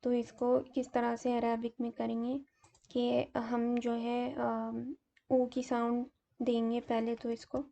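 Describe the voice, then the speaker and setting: Slow, gravelly-voiced woman teaching grammar. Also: on the high side, completely flat delivery, mellow. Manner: slow, methodical explaining with fillers. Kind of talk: grammar lesson explaining examples.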